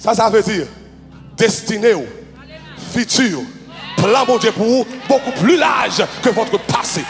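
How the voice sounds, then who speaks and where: High, gravelly Haitian-accented preacher. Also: male voice, lively intonation, a little slow, crowd noise. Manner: fervent preaching, shouting and sing-song chanting. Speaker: pastor. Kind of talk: sermon. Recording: reverberant hall with music. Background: music.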